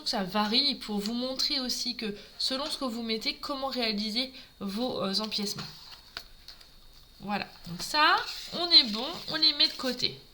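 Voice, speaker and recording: A woman's voice: fairly high pitch, pushed and bright, slight background noise. A French woman with a Norman accent, chatting through a live crafting tutorial and greeting viewers as she works. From France. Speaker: craft demonstrator.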